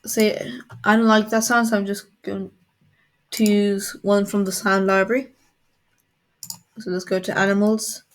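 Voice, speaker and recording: A woman as a coding tutor, explaining a software tool step by step in a screen-recorded tutorial. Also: mid-range voice, flat delivery, measured pace, pauses often.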